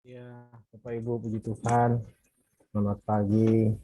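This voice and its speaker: Man pastor, sermon greeting, low dark voice, distant mic. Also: little pitch movement, unhurried.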